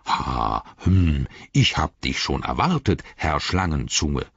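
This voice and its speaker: A man voicing an ancient, slow and deliberate tree-herding giant in an audiobook. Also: very deep voice, big pitch swings, husky, no echo, muffled recording, pitched below the performer's own voice, heavily acted. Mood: stern.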